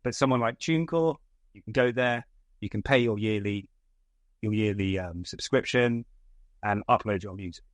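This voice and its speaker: Speaking at a moderate pace in a fairly low voice, a guest who heads a distribution company lays out his opinions in a conversational interview. He stammers and repeats words, restarting often and leaning on analogies, and the recording has no room sound.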